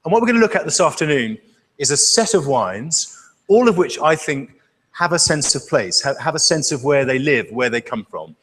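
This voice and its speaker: A man's voice: fairly high pitch, very animated, moderate pace, a bit bright. A man leading a wine tasting, speaking live to an audience with enthusiasm and frequent stammered restarts. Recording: echoey hall.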